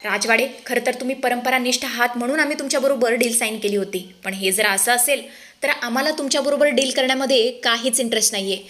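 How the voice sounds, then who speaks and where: A woman's voice: on the high side, quick pace, fairly bright tone, natural voice. A woman doing a scornful businessman guest. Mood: indignant. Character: indignant male business guest.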